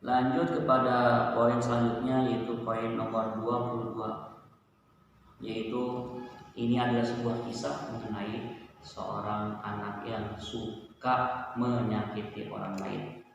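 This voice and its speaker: A male teacher explains a religious text line by line, repeating his points with emphatic warnings. His voice is gravelly. He sounds far from the mic in a very echoey hall, with faint noise behind. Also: medium pitch, flat delivery, slow, long pauses. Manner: repetitive, emphatic admonishing. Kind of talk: recorded online lesson, reading Arabic text then explaining.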